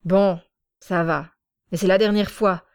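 A woman reading an audiobook, voicing an angry, threatening young village man who shouts accusations. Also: lowish voice, steady tone, unhurried, clear, resonant tone. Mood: grudging.

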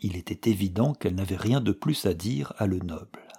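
Gravelly low-voiced male narrator. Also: lively intonation, a little fast, mellow. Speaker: audiobook narrator. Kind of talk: scripted narration.

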